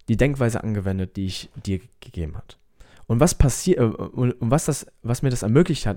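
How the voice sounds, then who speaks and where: Male self-help coach, mellow and lowish, American accent in German, emphatic direct address. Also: dry recording, studio quality. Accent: American-tinged German. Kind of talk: motivational talk to viewers.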